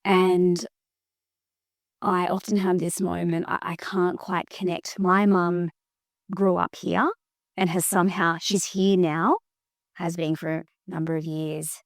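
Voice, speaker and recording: A reflective woman sharing personal stories on a podcast, sometimes stumbling over her words. Her voice sits a little low. The recording is dry and close. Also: flat delivery, slow pace, no echo. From Australia. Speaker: podcast co-host, business partner. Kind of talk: casual podcast chat.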